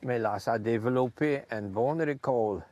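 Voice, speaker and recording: A man's voice: medium pitch, normal speed, a little mellow, no echo. A man from Louisiana speaking with a Cajun French accent, giving colloquial, rustic interview remarks as a crawfish farmer. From Louisiana, United States. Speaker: rice field owner and crawfish farmer.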